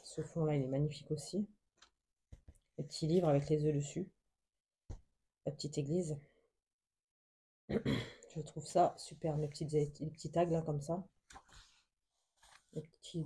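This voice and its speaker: A woman vlogger showing a book haul in casual show-and-tell, soft and hesitant, full of fillers and gushing over every little picture. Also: low voice, steady tone, moderate pace, pauses often, husky. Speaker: craft vlogger.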